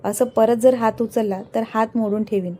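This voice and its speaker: Woman voicing a resolute young wife, firm refusals, mellow voice. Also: on the high side, steady tone, normal speed, close to an everyday voice. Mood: defiant. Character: long-suffering young wife finally defiant.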